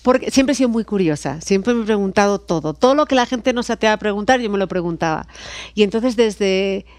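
A middle-aged Spanish woman, a guest psychologist with a Spanish accent, tells stories expressively in casual podcast chat, laughing often. Her voice is medium-pitched and fairly quick, and there's no room sound.

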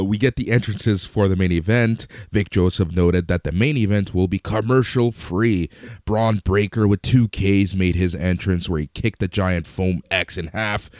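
A man co-hosting a casual wrestling podcast, recapping the show with dry, deadpan jokes. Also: sits low, clean tone, dry recording. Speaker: podcast co-host.

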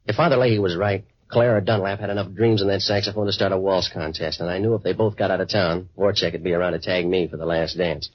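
An actor playing a wisecracking American private eye in a 1940s radio noir, deadpan and clipped. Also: male voice, low voice, quick pace, hardly any pauses, dry recording. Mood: wry. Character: hard-boiled wisecracking male waterfront private eye. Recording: dry, muffled 1940s radio recording.

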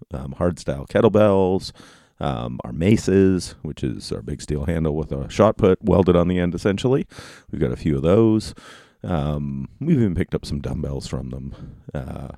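Male podcast host, very low gravelly voice, informal and rambling, dry close-miked sound. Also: lively intonation, unhurried, mellow, no room sound. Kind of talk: casual solo podcast talk. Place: basement office at home. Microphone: close podcast microphone.

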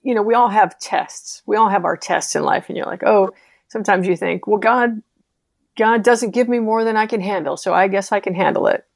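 A woman's voice: medium pitch, moderate pace, creaky, dry recording, clean studio sound. A woman interviewer who speaks to caregivers in a reflective, affirming way. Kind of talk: encouraging interview talk.

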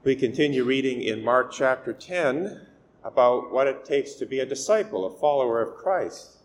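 Priest with a long cathedral echo. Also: male voice, medium pitch, normal speed. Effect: long cathedral-style echo. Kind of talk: gospel reading and weekday homily. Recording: echoey church hall with faint hiss.

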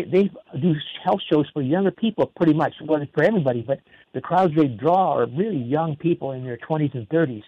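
A man's voice: medium pitch, no echo, lo-fi sound. A man hosting an interview, affirming the guest and stumbling over repeated words as he asks questions. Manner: warm, affirming, repeats words when asking. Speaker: host. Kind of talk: conversational interview.

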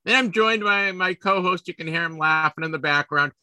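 Hosting a sports collectibles podcast, a man from the Boston area of the US keeps things casual, wandering off topic and teasing himself whenever he fumbles his words. He speaks fairly quickly in a high, bright, forceful voice, recorded with no room sound.

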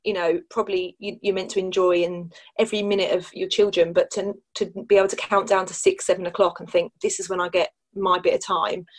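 A woman's voice: fairly low pitch, level tone, brisk, hardly any pauses. A British woman, a mother, chatting casually and candidly about her own life as a podcast guest. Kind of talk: casual personal chat.

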